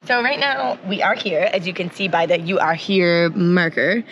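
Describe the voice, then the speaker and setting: A woman's voice: fairly low pitch, normal speed, lo-fi sound. A woman hosting a travel vlog, chatting casually to the camera in a playful, tongue-in-cheek way. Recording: music over outdoor vlog sound. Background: music.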